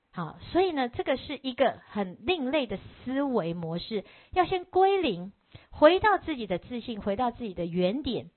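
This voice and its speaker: A woman gives a Buddhist dharma talk and tells a story in a conversational way, tagging her phrases with "ha". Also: on the high side. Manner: animated, conversational, frequent "ha" tags. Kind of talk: sermon with storytelling. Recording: tinny phone-like recording.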